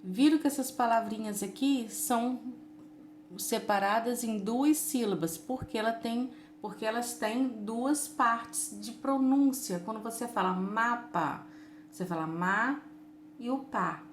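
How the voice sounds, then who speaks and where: Slow, patient woman teaching children. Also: on the high side. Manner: slow, patient, drawn-out words. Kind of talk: children's lesson. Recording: echoey room with faint noise.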